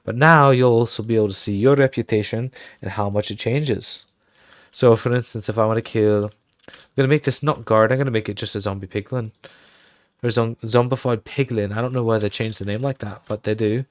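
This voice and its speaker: A streamer with a lowish voice talks briskly and steadily as he builds a game live, with no room sound in the recording. Putting on an Irish accent, he thinks aloud in a casual way and mutters commands while typing.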